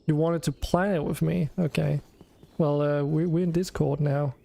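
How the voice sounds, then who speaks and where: A man's voice: on the high side, fairly even intonation, normal speed, vocal fry, warm tone. A man hosting a game stream, chatting casually and thinking aloud with some hesitation. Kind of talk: casual chat while playing a game.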